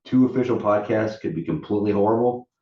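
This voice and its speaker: A man's voice: lowish voice, fast. A man co-hosting a podcast and introducing a guest, recorded with an echoey, distant sound from an audio fault. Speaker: podcast co-host. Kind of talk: casual podcast chat. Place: pub used as offsite studio. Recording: echoey, dull, distant mic.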